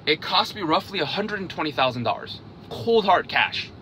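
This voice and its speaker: A man's voice: on the high side, very animated, moderate pace, pushed and bright, slight background noise. A man in his thirties, raised in Hungary, talking casually to camera and checking in with "okay?" after nearly every point. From South Korea, raised in Hungary. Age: 30s. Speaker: vlogger on investing. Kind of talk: casual direct-to-camera talk.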